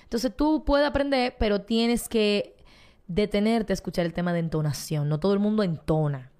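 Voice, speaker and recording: A woman's voice: medium pitch, moderate pace, a little mellow, clear, resonant tone. A woman in her twenties with a Dominican accent, a podcast guest explaining things in a chatty, casual way. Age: 20s. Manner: chatty and explanatory, laughs often. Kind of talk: casual chat.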